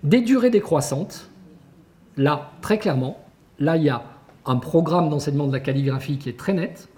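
A man giving a conference lecture to teachers as an education researcher, talking in an animated, emphatic way and posing rhetorical questions to the room. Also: a little high, moderate pace.

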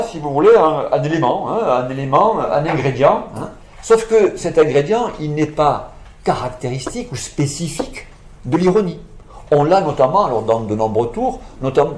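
A man's voice: mid-range voice, darkish tone, reverberant, slight background noise. A man giving an academic lecture, explaining patiently with many fillers and self-corrections.

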